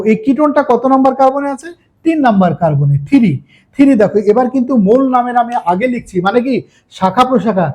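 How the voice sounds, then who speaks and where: A man's voice: high voice, a little mellow. A man giving a chemistry lecture, explaining step by step and often checking if students follow. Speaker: chemistry teacher. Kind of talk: classroom lecture.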